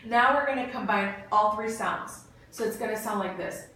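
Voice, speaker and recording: A woman's voice: medium pitch, normal speed, sharp tone. A woman clinician giving step-by-step exam instructions in an encouraging way, with short bits of praise. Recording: very echoey room, distant mic, faint noise.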